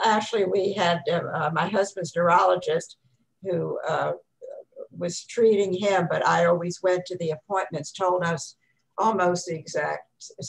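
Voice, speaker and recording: An older woman recounting her story on a video call in a plain, measured way with small hesitations. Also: lowish voice, poor audio. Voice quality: creaky. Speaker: resident guest. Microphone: webcam on a video call.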